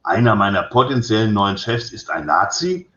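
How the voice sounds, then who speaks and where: A man's voice: fairly low pitch, lively intonation, moderate pace, fairly bright tone. A man reading the lines of a blunt, indignant male police inspector, talking directly. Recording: roomy echo, slightly dull sound.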